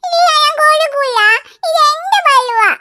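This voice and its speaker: A woman's voice: very high-pitched, measured pace, background noise. A woman voicing a stubborn, possessive little schoolgirl in a cartoon, whining and crying as she pleads. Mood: whiny stubborn. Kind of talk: cartoon voice acting.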